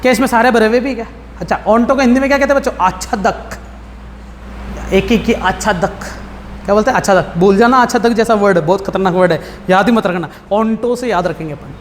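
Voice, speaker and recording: A man's voice: high-pitched, fairly quick. A male math teacher giving a casual classroom lecture, asking his students questions and answering them bluntly. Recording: hall reverb with faint background noise.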